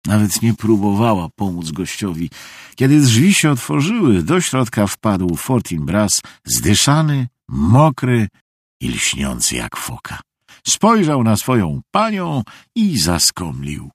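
A man narrating an audiobook story in an expressive, slow storytelling voice. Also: lowish voice, slightly rough, no echo, studio quality. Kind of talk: scripted narration.

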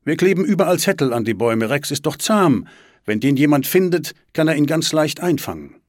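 A man voicing a calm, steady middle-aged father who speaks reassuringly in a storybook reading. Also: fairly high pitch, fairly quick, no echo, clean studio sound, pitched above the performer's own voice.

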